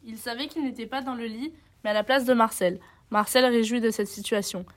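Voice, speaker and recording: A woman narrating a storybook tale in an expressive, dramatic reading. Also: fairly high pitch, a little fast, slight background noise.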